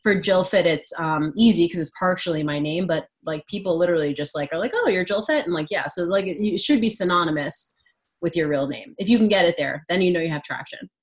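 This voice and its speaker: A woman's voice: lowish voice, quick pace. A woman coaching a group in a casual, reassuring way, full of fillers. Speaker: business coach leading a group call.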